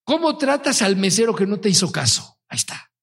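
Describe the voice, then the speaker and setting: A man's voice: high voice, big pitch swings, a little fast, fairly bright tone, breathy edge. A middle-aged man with a Mexican Spanish accent, preaching a sermon in a conversational way, with stories and rhetorical questions. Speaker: pastor.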